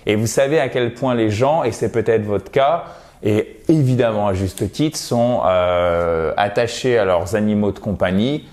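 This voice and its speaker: A man's voice: fairly low pitch, a little slow, a little mellow. A man teaching English to French speakers in a video lesson, explaining patiently and playfully exaggerating example pronunciations.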